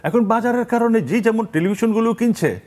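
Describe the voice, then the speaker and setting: Animated middle-aged man, high lively voice. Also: a little fast. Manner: animated, storytelling with quoted voices. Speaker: guest, documentary maker and actor. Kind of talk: studio talk show discussion. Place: television studio.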